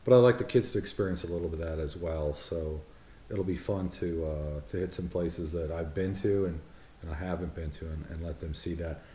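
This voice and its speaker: This man's deep, mellow voice moves briskly and sounds roomy. A US vlog co-host in his fifties, he chats casually, rambling, teasing and self-correcting with many restarts.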